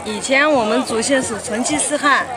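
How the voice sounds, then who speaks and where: A woman's voice: sits high, moderate pace, over music. Inner Mongolian woman chatting amid crowd noise. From Inner Mongolia, China. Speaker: local interviewee. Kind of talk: casual chat. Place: outdoors at a festival tourist site. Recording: busy outdoor crowd and traffic noise.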